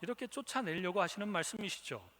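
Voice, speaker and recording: A man's voice: high-pitched, big pitch swings, fast, a bit bright. A male pastor preaching a sermon, retelling scripture and acting out the quoted speakers. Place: church sanctuary. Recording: reverberant church hall.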